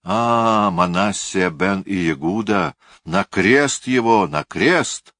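A man's voice: low-pitched, takes it slowly, a bit bright, dry recording. A man voicing a dying old tyrant king who rages and issues commands in delirium. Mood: delirious. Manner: raving, commanding outbursts.

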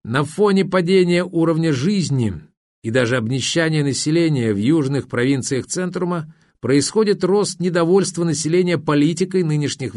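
A man reading an audiobook, voicing a retired male officer turned politician who lays out his case calmly and formally. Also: on the high side, no room sound, clean studio sound, pitched above the performer's own voice, close to an everyday voice. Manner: measured, formal speech-making.

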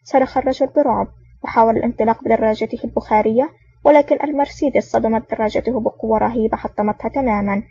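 A woman narrating an action novel as an audiobook with brisk, even reading. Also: fairly high pitch, husky, dry recording. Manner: brisk, even reading with small slips and restarts. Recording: dull lo-fi audio.

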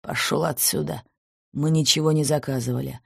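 Harsh middle-aged male major read by a woman, barking threats, husky, dry. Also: low-pitched, steady tone, moderate pace, no room sound, full character voice. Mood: curt.

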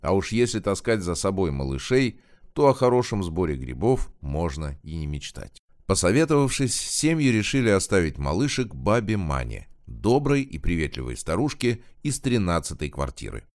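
A man's voice: low-pitched, big pitch swings, normal speed, a little mellow, no echo, clean studio sound. A man giving a scripted narration of a crime story, reading the characters' lines with small shifts in his voice.

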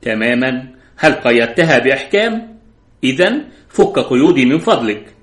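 A man voicing a composed detective who speaks calmly and courteously, in a measured way. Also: medium pitch, natural voice. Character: calm, composed elderly male detective. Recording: roomy echo.

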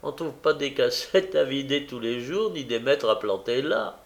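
A man's voice: mid-range voice, animated, moderate pace, creaky. A man reading an audiobook, voicing a fawning young woman with a coaxing, admiring tone. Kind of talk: audiobook character voice.

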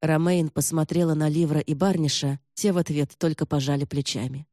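A woman reads a novel aloud in even, measured scripted narration. Her voice is low and mellow, recorded dry and close. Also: no echo. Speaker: audiobook narrator.

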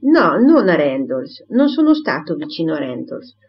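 A woman voicing a composed, self-assured gentleman with a teasing manner. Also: low voice, very animated, moderate pace, highs cut off.

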